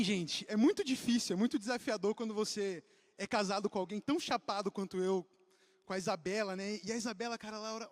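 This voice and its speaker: Young Brazilian youth pastor, bright high register, jokey and animated, in a reverberant auditorium. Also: male voice. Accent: Brazilian Portuguese. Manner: joking, animated, addresses the crowd. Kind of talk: casual youth sermon with jokes. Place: church auditorium. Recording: long hall reverb.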